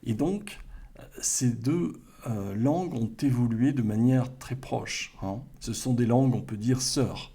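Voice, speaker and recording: A man with a French accent, co-hosting a language livestream, explaining calmly and checking in with his listeners. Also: medium pitch, a little slow, slightly rough. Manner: calm and explanatory, checks in with "hein" and "d'accord". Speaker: French teacher, co-host.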